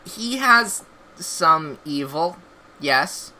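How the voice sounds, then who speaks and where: Slow, hesitant game master. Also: medium pitch, lively intonation, pushed and bright. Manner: hesitant, filler-heavy narration. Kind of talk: narrating a tabletop game.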